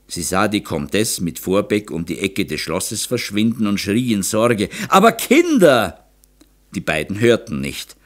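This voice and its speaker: A male audiobook narrator reading a classic novel. His voice sits low, and his intonation moves in lively, animated arcs, giving the prose an expressive storytelling lift. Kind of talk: scripted narration.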